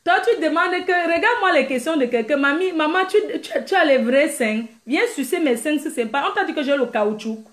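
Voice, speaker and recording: Brash, teasing female stream host with a high voice, recorded in an echoey room. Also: fairly quick, hardly any pauses. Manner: brash, teasing, laughs often; animated, mimics crying sounds. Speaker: live-stream host answering viewers. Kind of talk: casual live-stream chat.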